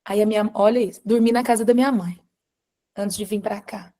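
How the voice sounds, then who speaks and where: A woman from Brazil, teaching a live class through animated, confiding personal storytelling and calling students by name. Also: mid-range voice, fairly quick. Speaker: course instructor.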